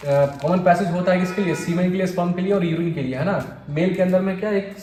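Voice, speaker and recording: A young man with a high-sitting, slightly mellow voice speeds through an exam-prep biology lecture, posing his own questions and answering them. He repeats key terms and keeps saying "dekho bhai," recorded in an echoey room with faint hiss.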